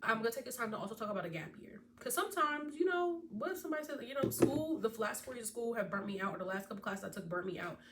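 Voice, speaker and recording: A veterinary student in her twenties, with a fairly high voice, talks fast with few pauses as she gives casual, animated advice directly to her viewers. The mic is distant, with faint background noise.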